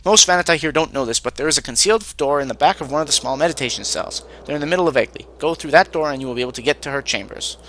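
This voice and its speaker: A man's voice: fairly high pitch, animated, rapid-fire, hardly any pauses, pushed and bright, slight background noise. A man voicing a tired, overworked male Vahnatai cook who speaks in a stiff, formal way and grumbles about his workload. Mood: weary. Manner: tired, complaining, formal stilted speech.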